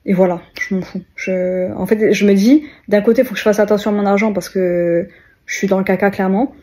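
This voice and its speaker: A woman's voice: medium pitch, steady tone, fairly quick, mellow. A young woman, chatting casually to viewers in a rambling vlog, with many fillers and restarts. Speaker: vlogger.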